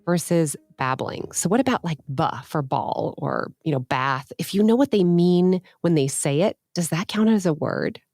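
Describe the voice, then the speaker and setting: A woman's voice: lowish voice, lively intonation, normal speed, hardly any pauses, no room sound, studio quality. Affirming woman podcast host. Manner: warm, affirming, asks questions. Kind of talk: podcast interview and ad read.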